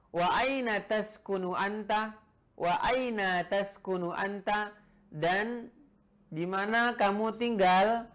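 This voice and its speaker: A man's voice: high voice, fairly bright tone. A man teaching Arabic in an online lesson, repeating each phrase and translating it piece by piece. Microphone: video call.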